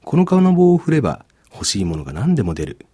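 A man's voice: mid-range voice, wildly swooping pitch, fast, warm tone, breathy edge, pitched above the performer's own voice. A man voicing an elderly male stone guardian statue in a storybook reading, speaking in a grave, fatherly way.

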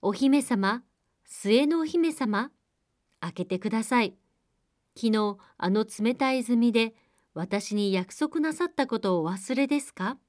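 Storybook frog prince, courteous and pleading, rising high on his calls, read by a woman. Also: animated, a little mellow, no echo, studio quality. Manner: courteous, imploring, drawn-out calls. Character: polite pleading male frog, squat and persistent.

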